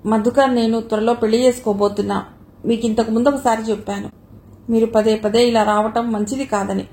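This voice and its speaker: A woman's voice: on the high side, steady tone, a little fast, a little mellow, lightly acted. A woman reading a cool, proud young woman. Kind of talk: audio novel reading.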